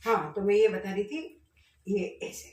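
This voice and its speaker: A woman's voice: medium pitch, a little slow, far from the mic. Chatty woman, echoey kitchen, off-mic. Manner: chatty, addresses viewers directly; speaking loudly on purpose. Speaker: vlogger. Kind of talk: casual cooking vlog. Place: home kitchen. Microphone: camera set up at a distance.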